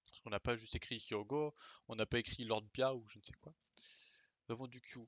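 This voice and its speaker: A man's voice: mid-range voice, steady tone, fairly quick, fairly bright tone, no room sound. Man, casual explainer, chatty, slangy, dry close mic. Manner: informal, chatty, with fillers and slang asides. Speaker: video creator explaining name pronunciation.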